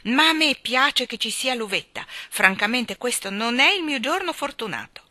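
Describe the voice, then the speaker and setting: Brief: gloomy complaining gentleman, plaintive and pitched up high, read by a woman. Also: animated, normal speed, dry recording. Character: gloomy, put-upon middle-aged gentleman.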